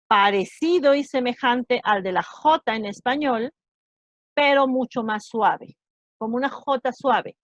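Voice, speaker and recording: Patient woman teacher, higher voice, dry and slightly dull lo-fi audio. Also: no echo. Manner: patient, slow, checks understanding with repeated "¿sí?". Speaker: English teacher. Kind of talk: online class explaining pronunciation.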